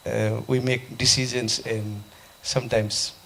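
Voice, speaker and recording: A man from Nepal in an audience, asking a panel a question at a conference, halting and repeating himself. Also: medium pitch, level tone, creaky, fairly bright tone, a little hiss or hum. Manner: halting, repeats his question, frequent restarts. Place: conference hall.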